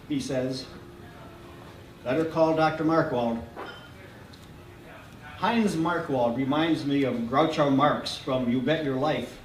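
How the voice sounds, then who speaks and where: Man reading his memoir in an echoey hall. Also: fairly high pitch. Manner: reflective, measured storytelling. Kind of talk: reading aloud on stage. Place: stage in a hall. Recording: echoey hall from a distance, faint noise.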